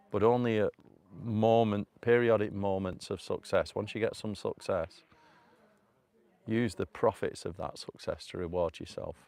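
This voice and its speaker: A man's voice: on the low side, a little mellow, no room sound. A man with a Manchester accent talking casually on a live stream outdoors, rambling and chatty, with lots of fillers, speaking into a phone on a selfie stick. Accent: Northern English (Manchester). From North Manchester, England. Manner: rambling, chatty, laughs often, many fillers. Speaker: vlogger. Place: outdoors at a rocky cove by a river.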